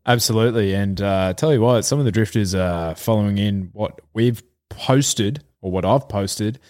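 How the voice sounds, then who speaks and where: A man's voice: fairly low pitch, normal speed, darkish tone. An Australian man hosting a casual podcast, chatting in a blokey, slangy way. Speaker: podcast host. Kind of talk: casual banter about horse racing betting.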